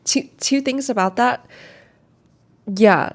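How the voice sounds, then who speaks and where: A woman co-host in a casual chat, supportive and quick with short reactions. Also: on the high side.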